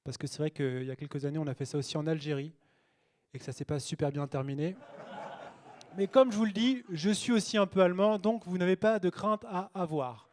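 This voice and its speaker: A man's voice: a little high, brisk, darkish tone. A young man performing a stand-up routine on a small cabaret stage, cheeky and chatty with a loose delivery. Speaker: stand-up comedian.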